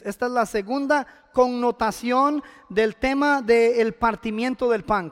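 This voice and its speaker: A man's voice: very high voice, fairly bright tone, clear, resonant tone, in a large hall. A man preaching a sermon as pastor, speaking conversationally and addressing the congregation directly.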